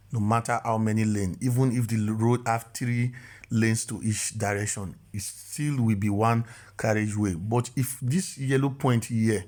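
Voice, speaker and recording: A driving instructor explains driving rules in a voice-over lesson, often restarting, repeating himself, correcting himself and stammering on the restarts. His voice is on the low side with a darkish tone.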